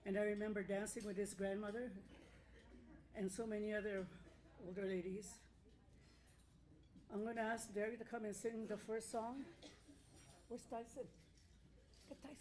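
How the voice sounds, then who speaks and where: A woman's voice: medium pitch, steady tone, moderate pace, pauses often, a little mellow. An older woman giving informal, conversational remarks into a podium microphone. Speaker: dance troupe leader. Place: indoor banquet hall at podium.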